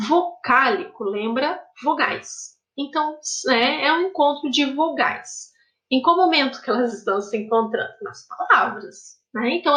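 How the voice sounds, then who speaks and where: A woman's voice: high voice, a bit bright. A woman teaching a recorded fifth-grade lesson, explaining patiently step by step and checking in with her pupils often. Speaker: primary school teacher. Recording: echoey room.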